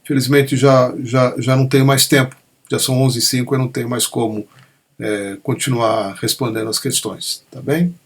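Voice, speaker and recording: A man leading an online satsang, explaining ideas gently and calmly, often ending phrases with a soft questioning tag. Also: medium pitch, normal speed. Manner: gentle, frequent "né?" tags, calm explanatory pacing. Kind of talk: unscripted spiritual talk answering questions. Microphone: online meeting microphone.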